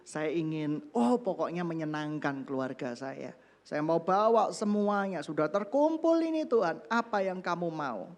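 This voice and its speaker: A man with a high-pitched voice preaches in a church hall, his words carrying a long reverb. He tells his stories with animation, acting out his own prayers and moving between quiet asides and loud outbursts. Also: animated, measured pace. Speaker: pastor. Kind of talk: sermon.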